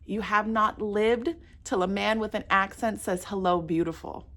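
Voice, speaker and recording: This millennial from South Florida, in her 30s, talks straight to the camera with sassy, casual dating tips, addressing viewers as girl and babe. Her medium-pitched voice is steady and sharp, and she goes a little slow.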